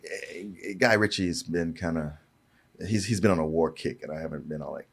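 A man's voice: sits low, normal speed, gravelly, slightly rough. A man co-hosting a movie podcast, talking in a casual, blunt, profane way with plenty of energy. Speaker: podcast co-host. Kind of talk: casual chat.

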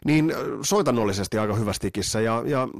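A man's voice: medium pitch, gravelly, no room sound, studio quality. A middle-aged man hosting a podcast, talking casually in a nostalgic, opinionated way with sarcastic asides. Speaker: podcast host. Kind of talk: casual monologue.

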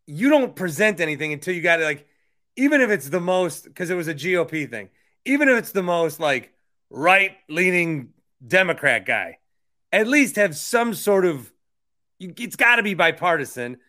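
An American man hosting a podcast interview, chatting casually about sports and politics in a rambling way with animated asides. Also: high-pitched, normal speed. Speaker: podcast host interviewing a guest.

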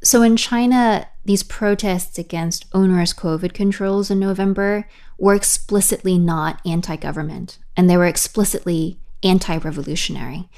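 A woman correspondent explaining events in a measured way on a news podcast. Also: lowish voice, a little mellow. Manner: measured, explanatory, occasional restarts. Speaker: correspondent guest.

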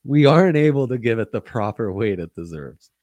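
A man's voice: medium pitch, expressive, a little fast, a little mellow, no echo. A man co-hosting a sports show in casual, wry chat, often repeating phrases for emphasis. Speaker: sports podcast co-host.

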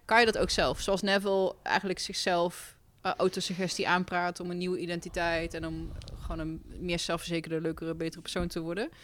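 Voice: medium pitch, little pitch movement, fairly quick, few pauses, fairly bright tone. An interviewer in a casual talk, asking curious follow-up questions.

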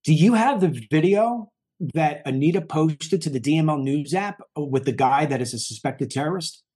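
A man's voice: a little high, lively intonation, moderate pace, mellow. A man in his fifties hosting a political news show, talking in a heated, emphatic way and often repeating himself. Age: 50s. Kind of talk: political commentary.

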